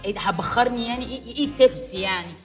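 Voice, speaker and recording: An actress playing a haughty, sharp-tongued young woman staying at a hotel, talking in an Egyptian accent in a TV comedy. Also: on the high side, very fast, soft background music, close to an everyday voice. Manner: rude, bossy, mocking. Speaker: demanding hotel guest. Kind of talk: TV comedy series acting.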